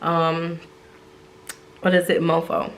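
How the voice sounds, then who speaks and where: A woman's voice: sits low, completely flat delivery, slow pace. A woman co-hosting a couple's channel, chatting casually and playfully, often laughing. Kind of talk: casual chat.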